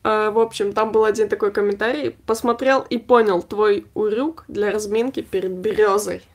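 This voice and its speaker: A woman's voice: medium pitch, fairly even intonation, moderate pace. A woman in her twenties co-hosting a vlog, chatting casually and reading out comments with informal, wry humour. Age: 20s. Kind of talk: casual chat. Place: small indoor room packed with gear.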